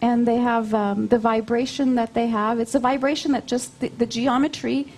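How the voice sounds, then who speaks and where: A woman's voice: on the high side, fairly even intonation, normal speed, a little mellow. A woman being interviewed, explaining things conversationally and often repeating her phrases as she goes. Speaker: interview guest, spiritual channeler.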